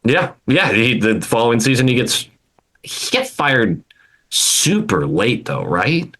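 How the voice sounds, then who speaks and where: Medium-pitched and animated, a man co-hosts a sports podcast in casual chat, laughing readily and frequently restarting his sentences.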